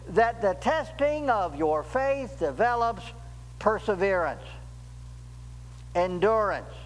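An older male pastor delivers a sermon at a slow, measured pace, his fairly high voice lifting sharply on the words he stresses. He speaks from a pulpit in a church sanctuary. The sound carries a long hall reverb and a faint background hum. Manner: slow, deliberate preaching with emphatic rises on key words.

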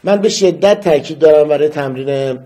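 A man teaching metronome practice in a casual lesson, counting beats aloud and humming a melody slowly. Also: on the high side, warm tone. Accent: Persian. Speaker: music teacher.

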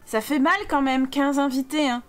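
A woman giving playful, lively Let's Play commentary as a gaming YouTuber, voicing her game characters' lines. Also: high-pitched, normal speed, soft background music. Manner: lively, playful, voices her Sims' dialogue.

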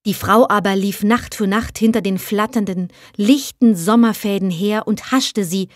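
A woman's voice: medium pitch, no echo, clean studio sound. Woman reading a fairy tale aloud. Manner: measured, expressive reading. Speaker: audiobook reader. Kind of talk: storybook narration.

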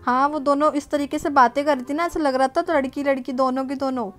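A woman's voice: sits high, steady tone, fast talker, fairly bright tone. A woman gaming with the streamer, backing him up and chiming in over voice chat. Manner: siding and chiming in. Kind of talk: live game voice chat.

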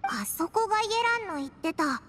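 A woman voicing a small childlike game companion, brash, boastful and excitable, with a squeaky voice and eager, boyish phrasing. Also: brisk, background noise. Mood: eager, confident. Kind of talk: anime game voice acting.

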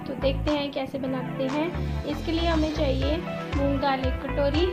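A woman's voice: high voice, steady tone, normal speed. A woman with an Indian accent, narrating a home cooking vlog step by step and dropping in English phrases. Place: home kitchen. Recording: loud background music.

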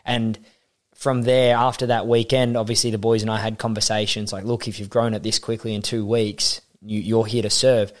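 Young Australian guy, lowish voice, chatty guest, animated storyteller. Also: normal speed. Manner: animated storyteller acting out quotes. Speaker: podcast guest, identity coach. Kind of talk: casual interview chat.

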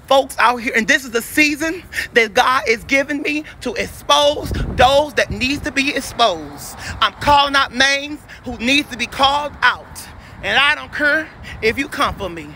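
A man preaching in a loud, emphatic, repetitive live-stream monologue while out walking for exercise on a neighborhood street. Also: very high-pitched. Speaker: self-styled preacher going live. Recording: street noise with passing traffic.

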